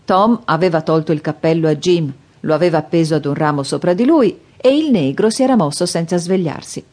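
Female audiobook narrator, calm and steady, lower-pitched voice. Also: fairly quick.

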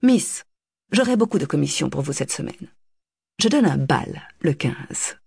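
A woman voicing an irritable, scolding mother with a sharp, nagging manner in an audiobook. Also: low-pitched, lively intonation, measured pace, vocal fry, husky, no echo, clean studio sound, exaggerated voice. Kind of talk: audiobook character voice.

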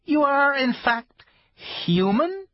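A man's voice: big pitch swings, takes it slowly, dry recording, exaggerated voice. A man voicing a timid, courteous male fawn who is fussy and easily flustered. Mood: fussy polite. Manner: flustered, courteous, high and fluttering. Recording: dull lo-fi dry recording.

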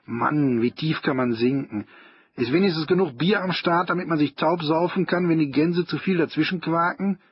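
A man voicing a brash, crude teenage schoolboy who mocks loudly. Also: a little high, normal speed, slightly rough, no room sound, lo-fi sound. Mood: mocking. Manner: mocking, loud-mouthed.

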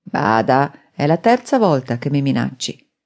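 A woman's voice: rumbling low, sing-song, unhurried, a little mellow, full character voice. A woman narrator voicing a sinister old man who speaks curtly and menacingly. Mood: cold. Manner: cold, curt and menacing.

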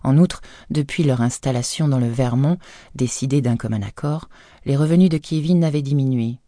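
A woman reads a thriller audiobook in a measured, even storytelling manner. Her voice has a mellow, dark color. It is recorded close and dry on a studio microphone. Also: extremely low pitch, no echo. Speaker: audiobook narrator. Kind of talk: scripted audiobook narration.

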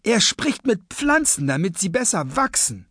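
A man doing a high, anxious young henchwoman. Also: very animated, unhurried, sharp tone, slightly rough, no echo, studio quality, full character voice. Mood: pleading. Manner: high, strained and imploring. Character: young woman henchman, anxious and soft-hearted. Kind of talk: audiobook character voice.

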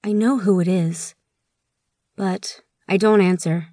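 A woman's voice: mid-range voice, steady tone, slow pace, warm tone, dry recording, clean studio sound. A woman narrating a first-person short story as an audiobook, in a weary, subdued voice. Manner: weary, subdued inner monologue.

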